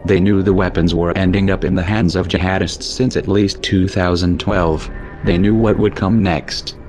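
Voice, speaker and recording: Man with a disguised deep voice. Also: fairly even intonation, moderate pace, a little mellow, faint music behind. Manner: grim, sardonic, declamatory. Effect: voice disguised to sound deep. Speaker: anonymous narrator. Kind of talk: scripted political narration.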